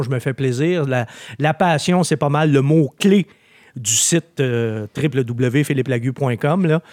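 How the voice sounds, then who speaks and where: A man's voice: medium pitch, dry recording. Male podcast host, chatty storyteller, dry close mic. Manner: chatty storyteller, animated, with frequent filler words. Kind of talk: casual podcast chat.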